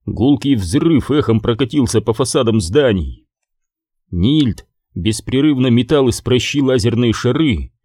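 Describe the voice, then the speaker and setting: A man narrating an audiobook in a steady, measured way. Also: medium pitch, no echo, studio quality.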